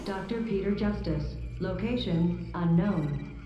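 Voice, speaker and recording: A woman voices an echoing video game computer. She announces in a slow, measured, formal way, with music behind her. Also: on the low side, highs cut off, lightly acted. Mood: neutral. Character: calm female car computer announcing transmissions.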